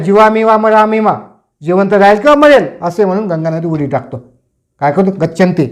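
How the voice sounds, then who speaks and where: A man's voice: sits high, a little mellow. A man lecturing a class, explaining Pali verses line by line, repeating phrases with synonyms and dictating notes. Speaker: teacher.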